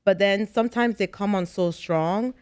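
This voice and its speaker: A woman's voice: medium pitch, normal speed, a little mellow, smooth, no room sound, clean studio sound. A woman hosting a casual podcast chat with friends, asking many questions. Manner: chatty, asks many questions. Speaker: podcast host.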